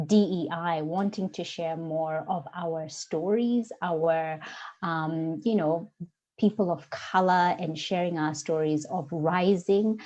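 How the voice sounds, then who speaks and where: A Kenyan woman in her forties, a diversity coach, appears as a guest in a casual interview, speaking reflectively and searching for words with frequent ums. Her voice is fairly low and warm, and the audio is dull and lo-fi.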